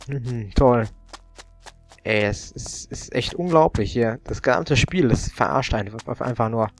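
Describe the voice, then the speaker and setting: A young man doing casual gaming commentary, grumbling and swearing as he plays. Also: mid-range voice. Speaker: let's player.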